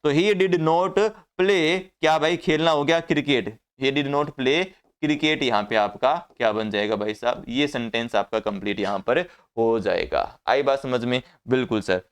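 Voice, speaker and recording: A man's voice: mid-range voice, moderate pace, hardly any pauses, clear, resonant tone. A man teaching an English grammar class, often asking the class questions and answering them himself.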